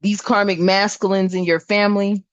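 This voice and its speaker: A woman's voice: mid-range voice, little pitch movement, moderate pace, no echo. A woman giving a casual spiritual tarot reading, talking bluntly and emphatically and swearing often. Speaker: tarot reader. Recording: dull lo-fi dry sound.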